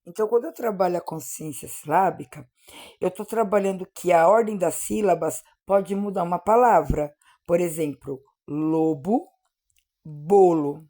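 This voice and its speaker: A woman teacher patiently explaining literacy skills, stretching out example words slowly and checking in often. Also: mid-range voice, dark tone.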